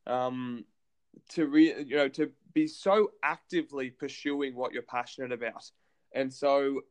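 A man's voice: mid-range voice, measured pace. A man hosting a podcast, asking questions in a friendly way and calling his guest "mate". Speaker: podcast host. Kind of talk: interview questions.

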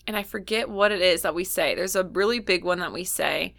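A woman's voice: fairly low pitch, fairly quick, gravelly. A young woman with a Midwestern accent, co-hosting a podcast in casual chat, rambling with lots of "like" fillers. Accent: Midwestern American. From US Midwest, Ohio. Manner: rambling, heavy "like" fillers, animated. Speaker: podcast co-host.

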